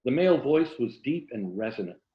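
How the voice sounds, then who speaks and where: With big pitch swings and a slightly fast pace, this medium-pitched American writer from Tampa, Florida is a wry, self-deprecating interview guest. Over roomy, muffled audio from an indoor video call, he chats casually before reading an excerpt of his novel.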